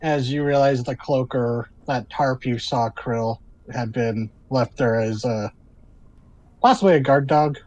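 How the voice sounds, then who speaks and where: A man's voice: mid-range voice, steady tone, unhurried, a little mellow, muffled recording. A man narrating a tabletop role-playing game as game master, describing scenes in a conversational way with asides.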